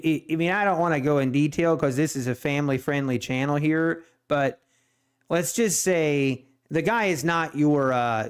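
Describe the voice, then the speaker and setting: His voice is fairly high, clear and resonant. An Ohio native with a Swiss German accent, he chats casually during a day trading live stream, ranting in frustration, rambling, and repeating and restarting his sentences.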